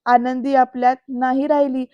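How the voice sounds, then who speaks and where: A frantic young helper, his lines thrown out loud and high by a woman in a recap voice-over. the sound is dry and slightly dull. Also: flat delivery, moderate pace, dry recording, natural voice. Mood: urgent. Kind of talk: quoting lines in a serial recap.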